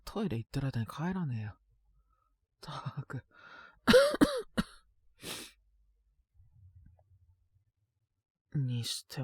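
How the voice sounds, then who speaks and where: An actor with an exaggerated, medium-pitched voice, slightly mellow and breathy, plays a coughing young man with a cold in a Japanese boys' love situation voice drama. Evasive and puzzled, he grumbles politely at his senior in casual junior speech, sighing and mumbling his reluctant replies in an intimate one-sided dialogue. The studio-quality recording has no echo.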